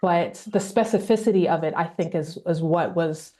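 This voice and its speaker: A Ghanaian American woman speaking as a guest in a radio interview, candid and measured. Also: lowish voice, dark tone.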